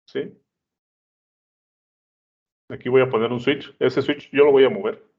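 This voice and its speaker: A man's voice: mid-range voice, fairly even intonation, a little slow. A man explaining a lesson at a board, chatty, often checking in with his listeners. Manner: conversational, checks in with "¿sale?" and "¿no?". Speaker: teacher. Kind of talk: explaining at a whiteboard. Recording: dull lo-fi sound.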